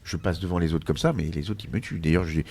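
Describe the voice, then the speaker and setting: Deep-voiced French chef telling stories. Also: male voice, fast, breathy edge. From France. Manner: animated anecdotes with frequent restarts and fillers. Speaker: chef being interviewed. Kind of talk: casual interview storytelling.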